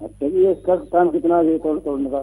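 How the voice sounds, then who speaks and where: A man's voice comes through a narrow, tinny phone line, somewhat high and breathy-husky. He speaks haltingly, stumbling and restarting words as he puts his farming question to the studio. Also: steady tone. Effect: heard over a phone line. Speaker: farmer caller.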